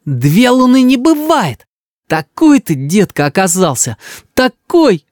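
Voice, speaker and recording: A man's voice: very animated, takes it slowly, dry recording, studio quality, full character voice. A man reading an audiobook and voicing a bold, spoiled little boy who shrieks and demands. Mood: furious. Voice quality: shrill, shouting.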